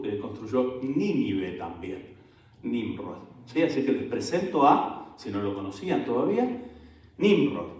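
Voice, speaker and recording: A male pastor preaching a sermon with animated energy, throwing questions out to his congregation. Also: fairly high pitch. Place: church sanctuary. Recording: echoey church hall, mic at a distance.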